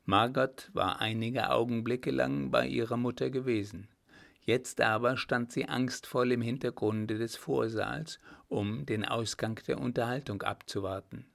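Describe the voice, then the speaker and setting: A man reads a historical novel aloud, keeping a steady storytelling pace. His voice has a gravelly, creaky edge. He sits at a middle pitch and stays there. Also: unhurried. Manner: steady storytelling, voicing characters with small lifts in pitch. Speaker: audiobook narrator. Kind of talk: scripted narration of a historical novel.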